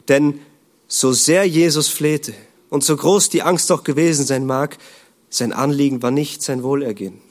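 Earnest German-speaking male preacher. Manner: earnest, rhetorical questions, dropping to a low hush. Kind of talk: sermon.

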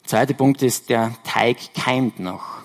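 A man's voice: mid-range voice, slow. Man preaching a sermon. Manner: explanatory, self-correcting, emphatic repetitions.

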